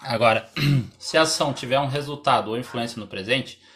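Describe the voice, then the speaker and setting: A Brazilian man teaching English in a live stream, explaining slowly, reading example sentences aloud, clearing his throat often and answering viewers' questions. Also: medium pitch, a bit bright, a little hiss or hum. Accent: Brazilian Portuguese. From Santa Catarina, Brazil.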